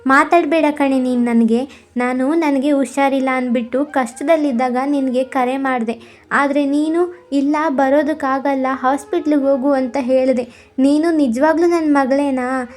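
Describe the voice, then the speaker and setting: A woman's voice: high voice, steady tone, unhurried, a little mellow. A woman voicing a remorseful mother who pleads with her daughter for forgiveness in a cartoon story. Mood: scolding. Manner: pleading, apologetic. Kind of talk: storybook character voice.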